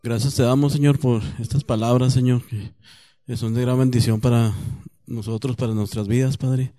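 A man leads a spoken prayer in a flat, even voice, returning to the Lord's name between phrases. The recording is dry and close, with little room sound. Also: mid-range voice, moderate pace, dry recording. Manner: steady, repeating "Señor" between phrases. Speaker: congregation member.

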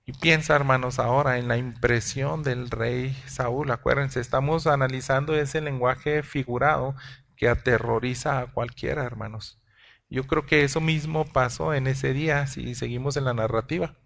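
Creaky-voiced man preaching a sermon. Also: medium pitch, fairly even intonation, normal speed, fairly bright tone. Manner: addresses listeners as brothers, with frequent hesitations and restarts.

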